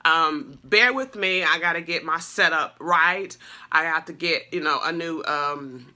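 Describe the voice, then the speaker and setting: Woman in her 30s vlogging on her phone, super bright voice, rambly and chatty with lots of ums. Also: sits low, measured pace. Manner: chatty, rambling with many fillers; warm, effusive thanks to a friend. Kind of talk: casual chat to camera.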